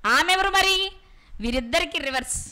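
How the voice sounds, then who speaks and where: Woman preacher, high bright voice, asks the room questions and answers them, slows down on key words. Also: animated. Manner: slows down to stress words and scripture. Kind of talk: Bible sermon.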